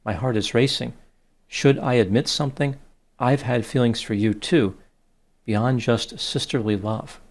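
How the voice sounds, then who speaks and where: A man reading out the messages of a flirty female AI chatbot, slowly and plainly. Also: mid-range voice, natural voice. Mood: gushing.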